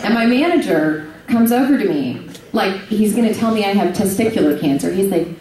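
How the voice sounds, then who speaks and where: Brash female stand-up comic, profane storyteller, lively pitch, echoey bar room, laughing crowd. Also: fairly quick. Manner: brash, profane storytelling with big vocal swings. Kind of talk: stand-up comedy set. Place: bar stage before a live crowd. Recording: echoey room, mic from a distance.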